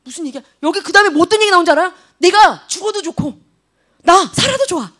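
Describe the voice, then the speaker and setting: A woman in her thirties preaching a sermon to teenagers in a church service, animated and full of questions to the students. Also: extremely high pitch, fast. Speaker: youth ministry preacher.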